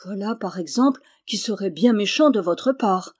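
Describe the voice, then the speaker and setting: A woman's voice: medium pitch, expressive, moderate pace, a little mellow, husky. Woman reading as a tearful, stubborn young peasant. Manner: pleading, earnest. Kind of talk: audiobook character voice.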